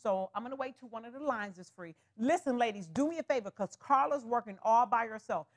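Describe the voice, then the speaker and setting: A woman with a high, bright-toned speaking voice runs a live wig sales stream. She chats straight at her viewers, calls them honey and y'all, and keeps pushing the deals. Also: a little fast. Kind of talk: live shopping stream chat.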